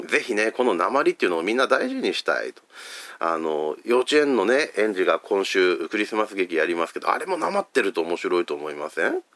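Chatty low-voiced pastor with a Hakata lilt. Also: male voice, big pitch swings, a little fast, no echo. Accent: Hakata dialect. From Fukuoka. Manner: gentle, chatty, many fillers. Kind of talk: sermon.

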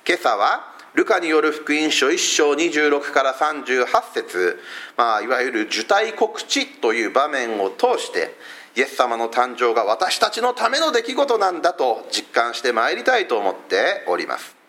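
A man's voice: medium pitch, sing-song, moderate pace. A middle-aged male pastor from Fukuoka, giving a chatty sermon to a church service that is streamed online, with lots of filler sounds between phrases. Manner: warm, conversational preaching with frequent fillers.

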